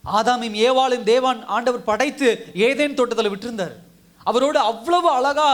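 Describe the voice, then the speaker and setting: High-voiced man preaching with repetition. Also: a bit bright. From India. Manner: exhorting, repetitive preaching cadence. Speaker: pastor. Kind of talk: Tamil sermon.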